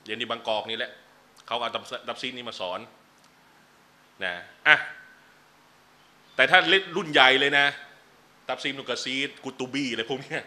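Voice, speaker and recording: A man teaching a relaxed religious class, chatting with joking asides between numbered teaching points. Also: mid-range voice, moderate pace, pauses often. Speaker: Islamic teacher. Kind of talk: casual religious lecture. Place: lecture venue.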